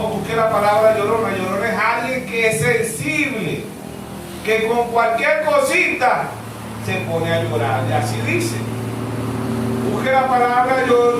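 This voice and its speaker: A male pastor with a Zulian Venezuelan accent, preaching a sermon in which he swings from high shouted questions to low muttered asides. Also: background noise. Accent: Zulian Venezuelan Spanish. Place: church hall. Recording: echoey church hall, mic far off.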